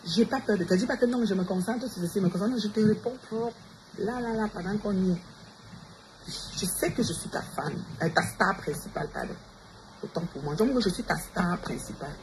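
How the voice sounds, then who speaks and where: In a brisk, mid-range voice, a woman goes on a confrontational livestream rant from Montreal. She takes on her rivals directly with repeated challenges, and the recording carries noisy background ambience.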